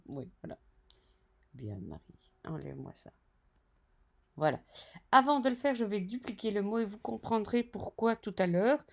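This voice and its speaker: A woman tutoring design software over a screen recording, chatty and narrating each step with self-correcting asides. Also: on the low side, vocal fry.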